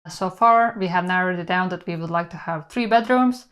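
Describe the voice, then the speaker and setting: A woman talking casually to camera in a vlog, unhurried. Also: on the low side, fairly bright tone. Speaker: vlogger.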